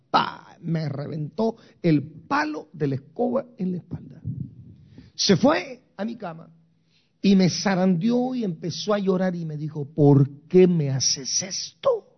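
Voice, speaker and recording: Older guatemalan guy preaching his testimony, kinda high voice, dull lo-fi sound. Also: very animated, unhurried. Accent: Guatemalan Spanish. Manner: dramatic storytelling with sudden loud and soft turns. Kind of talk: emotional sermon testimony. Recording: dull lo-fi recording.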